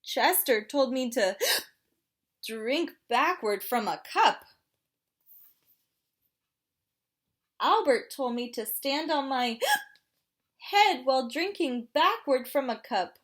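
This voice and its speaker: A woman plays a little boy penguin from a picture book, high-voiced and swooping. He is polite but flustered, his slow speech broken by gasping hiccups, and he appeals to children like an expressive kids show host. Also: heavily acted. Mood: frustrated. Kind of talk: animated children's storybook read-aloud.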